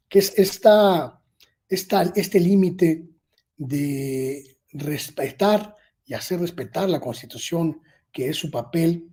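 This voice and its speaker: Slow husky man commenting. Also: on the high side, mellow. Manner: measured, emphatic, with filler pauses. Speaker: guest journalist. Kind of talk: political commentary in an online interview.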